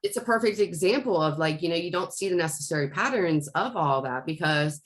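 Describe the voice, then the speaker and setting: Low-voiced middle-aged woman rambling on a casual podcast, lots of fillers. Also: lively intonation, a little fast. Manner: rambling, with many restarts and fillers. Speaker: life coach.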